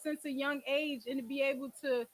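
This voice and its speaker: She's a podcast and call-in host from Philadelphia, in her twenties, discussing relationships candidly in street slang with plenty of swearing. Blunt and emphatic, she talks fairly quickly in a high, steady voice, captured on a rough recording.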